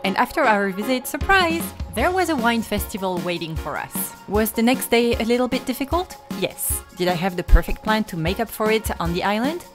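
A woman narrates her travel vlog in a wry, storytelling tone. Her voice sits at an ordinary middle pitch. Music plays clearly under the voice-over. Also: sing-song, fairly quick, few pauses. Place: voice-over, not recorded on location. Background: background music.

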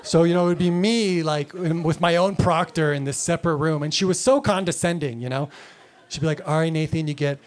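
Man, stand-up comic, rather high voice, rambling casual delivery, faint crowd laughter. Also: a little fast. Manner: loose, rambling delivery full of "like" and "you know". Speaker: stand-up comedian. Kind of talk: live stand-up routine. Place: comedy club. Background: audience laughter.

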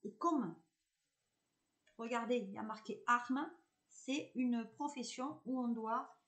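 Woman medium, southern French accent, fairly high voice; chats and reassures viewers through a live card reading, halting often. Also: fairly bright tone. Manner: chatty and reassuring, hesitant with many fillers. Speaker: medium giving a tarot reading.

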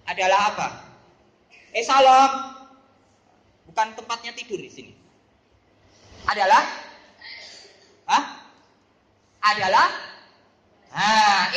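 Male Bible teacher for kids, very high voice, teasing and quizzing, roomy echo. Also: slow pace, long pauses, bright, forceful tone, dull audio. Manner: playful, calls on pupils by name and quizzes them. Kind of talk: classroom Bible lesson.

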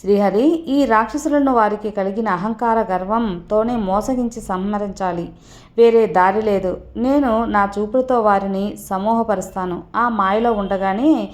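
A woman voicing a serene supreme goddess giving calm, gracious counsel. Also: medium pitch, unhurried, lightly acted.

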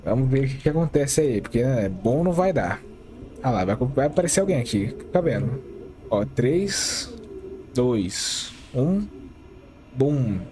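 A man's voice: mid-range voice, big pitch swings, unhurried, noisy background. A man with a Brazilian Portuguese accent hosting a gaming channel, joking and talking to his viewers in casual gameplay commentary. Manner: joking, talks to the viewers as he plays.

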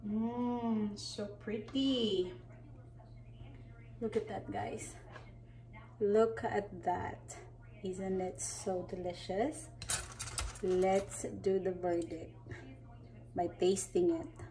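A woman with a Filipino accent talks her way through a dish at the stove in an unhurried, easygoing rhythm. She is playful and giggly, and she keeps slipping back into Tagalog. Her voice sits a little away from the mic, so it sounds slightly distant. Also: mid-range voice, steady tone, dark tone. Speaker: cooking vlogger. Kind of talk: casual cooking demonstration. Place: home kitchen at the stove, indoors.

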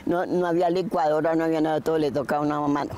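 A woman's voice: low voice, steady tone, racing, a little mellow. A woman, chatting frankly in an outdoor street interview, often restarting her sentences. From Colombia. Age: 90s. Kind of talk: casual chat.

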